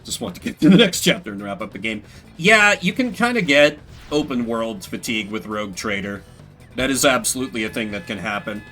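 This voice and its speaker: Over faint background music, a man streaming games speaks at a fairly quick clip in a medium pitch. His casual livestream chat wanders from story to story, with lively retellings and quotes he performs in character.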